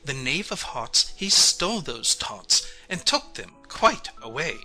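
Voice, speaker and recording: Shrill fussy storybook rabbit herald, super bright and swoopy, soft music behind. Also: male voice, big pitch swings, a little slow, exaggerated voice, poor audio. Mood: hasty announcing. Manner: shrill, hasty announcing. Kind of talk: dramatized audiobook narration.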